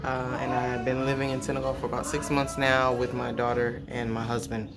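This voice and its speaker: A woman's voice: rumbling low, little pitch movement, a little fast, over music. A woman in her thirties with an American accent, chatting casually and slangily to her vlog viewers. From Los Angeles, USA. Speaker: vlogger.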